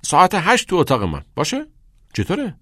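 A man's voice: fairly high pitch, wildly swooping pitch, a bit bright, dry recording, pitched above the performer's own voice, exaggerated voice. An easygoing, friendly teenage schoolboy, as a man reading a novel puts him on. The voice is pushed well above the reader's own and sounds eager. The recording is dry, with no room sound.

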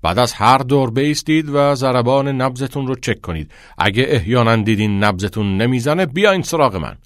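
A man voicing a loud, bossy gym coach who shouts orders, in an audiobook. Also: mid-range voice, lively intonation, no echo, studio quality, pitched above the performer's own voice, lightly acted. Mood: barking orders.

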